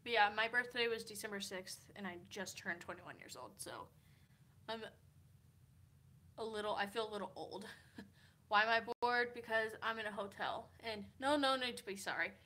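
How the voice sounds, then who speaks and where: Bright and forceful, her medium-pitched voice moves at normal speed. This Kansas native in her early twenties sounds tired as she rambles through a casual hotel-room livestream, reading comments, laughing often, and dropping "like" again and again.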